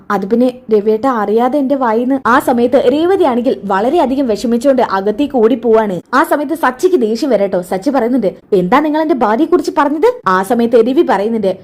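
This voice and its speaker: A woman retelling a TV serial episode in a lively way, switching quickly between all the characters' lines. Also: on the high side. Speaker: serial recap narrator.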